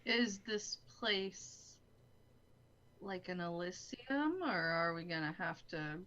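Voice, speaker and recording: A woman's voice: fairly low pitch, lively intonation, slow pace, pushed and bright, highs cut off. A woman player in a live tabletop game, chatty and full of questions. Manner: chatty and inquisitive. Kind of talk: casual role-play banter.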